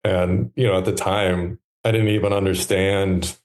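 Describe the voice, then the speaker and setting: Guy with a really low voice, chill podcast guest, lots of ums, thinks out loud. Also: flat delivery, a little slow. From United States. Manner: reflective, hesitant, many fillers. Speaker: podcast guest, stand maker. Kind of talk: relaxed conversational interview.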